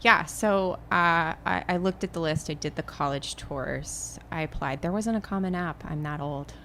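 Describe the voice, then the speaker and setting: A middle-aged woman from Maine talks as a podcast guest, chatty and quick to poke fun at herself. Her voice sits on the low side, with a faint hiss under the recording. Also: a bit bright. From Maine, USA. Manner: self-deprecating, chatty. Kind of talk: conversational interview.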